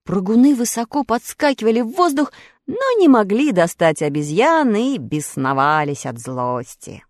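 A woman narrating a children's fairy tale with lively, expressive storytelling. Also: mid-range voice, normal speed, dry recording, studio quality. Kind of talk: audiobook fairy-tale reading.

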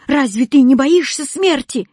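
A loyal storybook cat who pleads for his young master and hisses at enemies, as a woman puts him on. The voice is a little breathy and sits dry and close to the mic. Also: high voice, animated, slow pace, dry recording, voice pushed up, exaggerated voice. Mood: hissing. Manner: hissing, pleading.

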